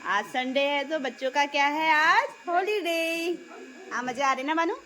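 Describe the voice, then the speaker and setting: A woman's voice: high-pitched, moderate pace, pushed and bright. A woman, a mother, talking playfully and coaxingly with her children at home while filming. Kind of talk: casual talk with kids at home.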